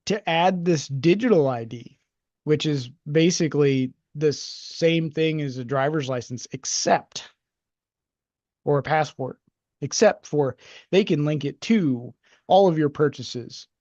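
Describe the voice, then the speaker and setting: An American man co-hosts a podcast in a fairly high, slightly mellow voice, rambling and hesitating with plenty of fillers as he shares his opinions in casual chat. The recording is muffled with no room sound.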